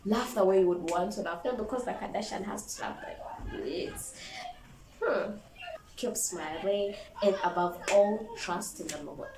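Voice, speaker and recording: A woman vlogger giving an animated, playful motivational talk to camera. She acts out other people's voices and calls the viewer darling. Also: medium pitch, unhurried. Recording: echoey room with background noise.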